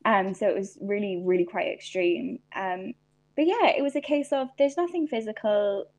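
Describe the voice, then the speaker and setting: A young woman with an Irish accent talks as a podcast guest. She is reflective and unhurried, and often restarts a thought before finishing it. Her voice sits at an ordinary middle pitch. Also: darkish tone. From Ireland. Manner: reflective, frequent restarts and fillers. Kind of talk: casual interview chat.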